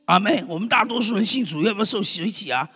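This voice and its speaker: Animated, bright-voiced male preacher. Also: high voice, quick pace, husky. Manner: emphatic, exclaims and calls out to the congregation. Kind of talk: fervent sermon. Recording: reverberant hall with faint music.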